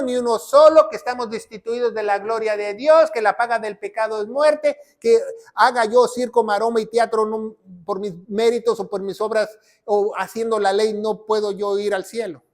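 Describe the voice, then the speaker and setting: High-voiced emphatic preacher man. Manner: emphatic preaching, repeats phrases, quotes scripture. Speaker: pastor. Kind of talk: sermon teaching.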